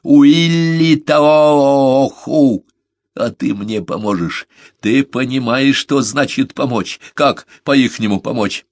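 A furious, half-mad man, voiced by a male reader, barking hoarse, fierce outbursts in an audiobook, pitched higher and louder than the narration. The sound is dry and close. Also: measured pace, no echo.

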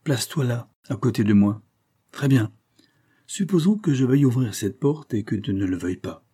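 A man reading aloud, voicing a celebrated police detective who speaks in a measured, authoritative, instructive way. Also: medium pitch, animated, mellow, breathy edge. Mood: commanding. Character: celebrated police detective, calm, commanding, dry.

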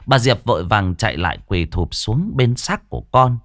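A man's voice: fairly low pitch, normal speed, no room sound. A man narrating a ghost story dramatically. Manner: dramatic, expressive. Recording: dry studio voice with faint music.

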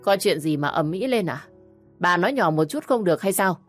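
A woman's voice: lowish voice, lively intonation, brisk, faint music behind. Woman playing an irritable, domineering middle-aged man, audio story. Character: short-tempered powerful middle-aged man.

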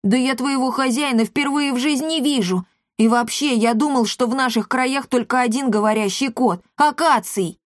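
A woman's voice: high-pitched, moderate pace, no room sound, studio quality, pitched above the performer's own voice, lightly acted. A woman voicing a plump, timid young man who blusters when pushed. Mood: anxious.

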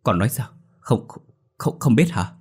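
A man voicing a frantic young mother who is calling loudly for her missing son. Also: fast talker, husky. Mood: anxious. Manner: shrill calling out, panicked.

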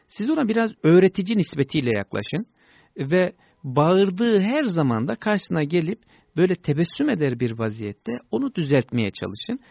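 A man hosting a radio advice show, calmly reassuring listeners and explaining child-rearing answers to their emails. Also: mid-range voice, vocal fry, no room sound. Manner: reassuring, explanatory, with lively stressed peaks. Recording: dull lo-fi broadcast, dry.

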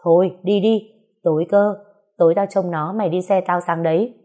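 A woman's voice: on the low side, fairly even intonation, normal speed, mellow, natural voice. A woman reading a story aloud, voicing a bossy, foul-mouthed older woman. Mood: teasing. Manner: blunt, scolding, swearing.

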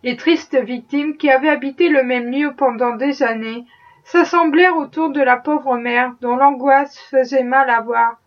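A woman narrating a classic novel as an audiobook in a steady, measured reading. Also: sits high, muffled recording. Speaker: audiobook reader.

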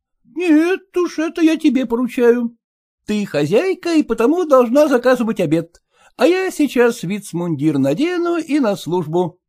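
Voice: medium pitch, very animated, moderate pace, mellow, close to an everyday voice. A reader voicing a fussy, stingy young husband who coaxes and then blusters, in a storybook reading. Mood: coaxing. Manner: coaxing, bossy, blustering.

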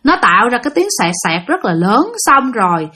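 A woman's voice: a little high, fairly quick, slightly rough. A woman with a Southern Vietnamese accent narrating a ghost story, talking straight to her listeners. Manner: animated, addressing listeners directly.

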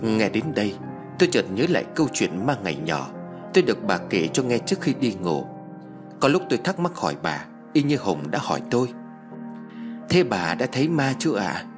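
A man narrating a ghost story in a suspenseful, measured reading. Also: fairly low pitch, big pitch swings, music in the background.

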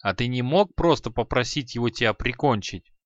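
A man voicing a calm, winged male demon of death who speaks in a dry, matter-of-fact way, on a dull, dry audiobook recording. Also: mid-range voice, normal speed, dry recording, close to an everyday voice.

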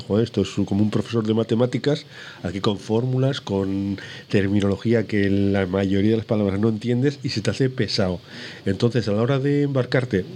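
A man's voice: lowish voice, mellow, slight background noise. A man hosting a radio interview, chatty and enthusiastic, dropping casual swear words. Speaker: radio host.

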